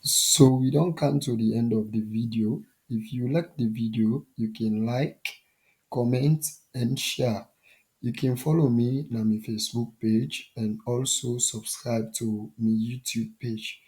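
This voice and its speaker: A man's voice: mid-range voice, fairly even intonation, measured pace, darkish tone, low-quality recording. Sierra Leonean man teaching in Krio-style pidgin. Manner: speaks West African pidgin English, Krio-style. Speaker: teacher and presenter of an online class. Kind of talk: informal economics lesson.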